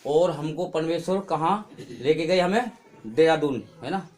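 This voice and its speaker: A man's voice: fairly high pitch, measured pace, darkish tone. A middle-aged man giving a spoken testimony at a church gathering. He tells his story in a chatty way and keeps adding tag questions. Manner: chatty storytelling with frequent "hai na" tags. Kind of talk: spoken testimony at a prayer meeting.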